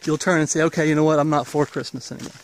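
This man in his forties leads a ministry and speaks rapid-fire in a high-ish, fairly even voice while strolling a wooded trail. Holding the camera at arm's length, he offers a casual, meandering update with earnest preaching flavor, still getting over being sick, with a little noise behind him.

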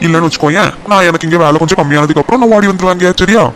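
A man playing a fast-talking fussing cartoon dad. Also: sits high, a bit bright, a little hiss or hum. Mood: soothing. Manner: fussing, reassuring. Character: caring middle-aged cartoon father. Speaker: voice actor. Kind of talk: cartoon voice acting.

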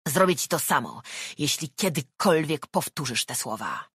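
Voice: mid-range voice, sing-song, moderate pace, a bit bright, husky, no echo, studio quality, exaggerated voice. A reader voicing a menacing abusive father. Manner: threatening, hard-edged delivery. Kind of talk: audiobook narration.

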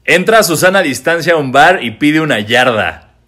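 Crude Mexican stand-up comic at home. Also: male voice, a little high, lively intonation, sharp tone. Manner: crude, self-deprecating, argues with himself in quick back-and-forth. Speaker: stand-up comedian. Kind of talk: stand-up comedy special. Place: his living room at home.

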